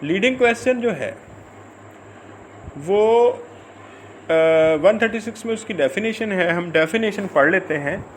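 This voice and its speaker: A man with a Pakistani accent gives an informal law lecture, halting and repetitive, with English legal terms mixed in. His voice sits high and sounds animated, and there's slight background noise.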